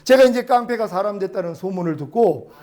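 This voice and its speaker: A middle-aged male pastor preaching a testimony sermon, telling his story with animated storytelling and acting out dialogue with God. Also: high-pitched, a little fast.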